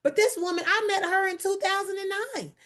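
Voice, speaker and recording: A woman comedian and actor telling stories as an interview guest, bold and energetic in her delivery. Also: extremely high pitch, fairly quick. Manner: bold, energetic, emotional at times. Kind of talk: animated interview storytelling.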